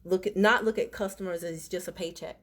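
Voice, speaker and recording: Low-voiced woman hosting a live chat. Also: steady tone, a little fast, fairly bright tone. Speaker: host of a live stream. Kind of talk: casual interview.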